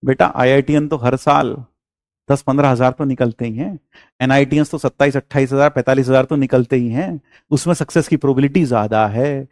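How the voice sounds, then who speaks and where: A man's voice: medium pitch, steady tone, a little fast, darkish tone, dry recording, clean studio sound. Male teacher, earnest and repetitive. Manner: teasing sarcasm turning earnest, repeats phrases. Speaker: coaching teacher. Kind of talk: classroom lecture to students.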